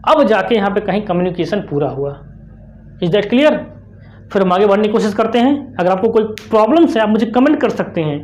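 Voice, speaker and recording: A woman's voice: medium pitch, darkish tone, lo-fi sound. Indian woman teacher quizzing her class. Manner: asks quiz questions and answers them herself, repeats key terms. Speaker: online exam-prep teacher. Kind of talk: explanatory online lecture.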